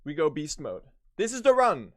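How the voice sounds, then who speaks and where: Young male streamer from Sweden, jokey running chat over gameplay, animated delivery. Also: fairly high pitch, moderate pace, dry recording, studio quality. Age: young adult. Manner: joking, talks to chat while playing. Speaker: speedrunning streamer. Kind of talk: casual live-stream chat.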